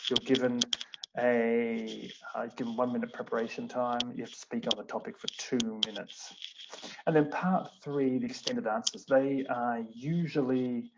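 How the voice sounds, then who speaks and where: A man, an English teacher explaining things in an online seminar, with many fillers and restarts. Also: medium pitch. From Australia. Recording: muffled online stream with background noise.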